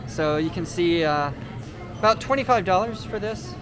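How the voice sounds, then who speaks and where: A vlog host with a high voice walks through a large indoor supermarket, casually explaining products at a moderate pace. He's relaxed and explanatory, with frequent "uh" fillers, recorded on a handheld camera mic amid crowd noise and store ambience.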